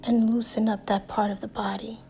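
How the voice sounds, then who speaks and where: Soft, breathy endings close each phrase as a woman slowly and soothingly narrates a guided meditation, pausing deliberately, with music playing behind her. Her pitch is fairly high and barely moves.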